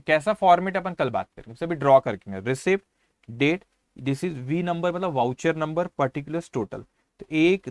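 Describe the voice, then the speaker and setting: A man with an Indian English accent teaches an accounting class, moving between Hindi and English terms and calling his students 'beta'. His voice sits somewhat high for a man. The recording is close and dry, with little room sound. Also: no echo. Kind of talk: online class lecture.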